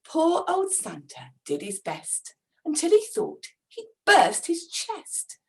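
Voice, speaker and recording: A woman reads a rhyming story aloud slowly and dramatically. Her high voice swoops widely as she acts out every moment. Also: creaky. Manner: dramatic, expressive, with gasps.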